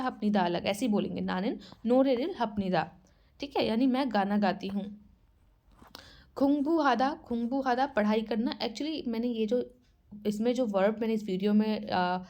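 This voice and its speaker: A woman's voice: mid-range voice, darkish tone. A woman, teaching a casual online language lesson, patiently repeating each word and its meaning. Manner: mixes Hindi and English.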